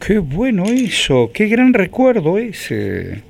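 A man's voice: sits high, huge pitch swings, slow, vocal fry, darkish tone. A man in his seventies with an Argentine Spanish accent, interviewing a guest on the radio with effusive, prompting questions. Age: 70s.

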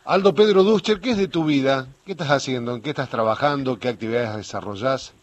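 An Argentine man hosts a radio interview, firing off brisk questions. His voice sits at a middling pitch, and the sound is muffled and lo-fi. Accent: Argentine Spanish. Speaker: radio host.

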